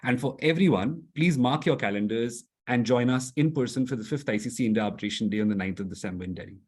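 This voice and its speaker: A man's voice: mid-range voice, fast talker, darkish tone, breathy edge. A man making courteous, formal announcements before handing over to a panel moderator. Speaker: event organizer. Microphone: video call.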